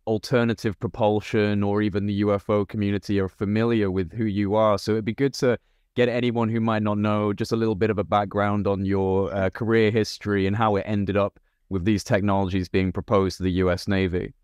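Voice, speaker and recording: Young male podcast host, relaxed and friendly, low smooth voice, dry studio-mic sound. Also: brisk, no room sound, highs cut off. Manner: friendly, relaxed, hedging fillers. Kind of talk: casual interview. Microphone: studio mic on video call.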